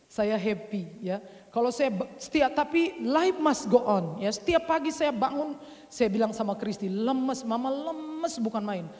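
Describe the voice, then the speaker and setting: A woman preaching a sermon in a chatty storytelling manner, rising at times to loud exhortation. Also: a little high, animated, moderate pace. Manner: conversational storytelling, swings from soft to loud exhortation. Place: large church hall. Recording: long church hall reverb.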